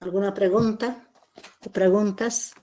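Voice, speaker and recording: A woman's voice: medium pitch, fairly even intonation, unhurried, dark tone. Woman teaching a phonetics class. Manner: explanatory, repeats key points, checks with "¿no?". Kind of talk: classroom lecture.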